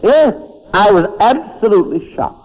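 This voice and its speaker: A man's voice: high voice, expressive, moderate pace, darkish tone. A man giving an inspirational lecture to an audience in a hall, emphatic and driving home points by repeating words. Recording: dull lo-fi recording with long hall reverb.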